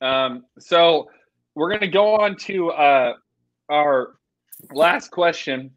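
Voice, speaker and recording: A man's voice: on the high side, animated, takes it slowly, fairly bright tone, no room sound. A man hosting a casual faith chat over a video call, loose and playful. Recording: dry, dull lo-fi sound.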